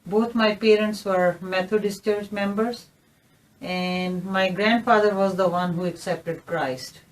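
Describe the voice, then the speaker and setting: A woman's voice: medium pitch, steady tone, measured pace. A woman in her fifties with a Pakistani accent, telling her story earnestly as an interview guest. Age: 50s. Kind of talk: recorded interview testimony. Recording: voice somewhat distant from the mic.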